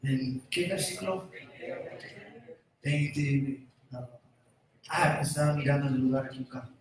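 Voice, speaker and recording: A male preacher giving a sermon, moving between quiet musing and loud shouting. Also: medium pitch, a little slow, a crowd in the background. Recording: roomy echo from far off.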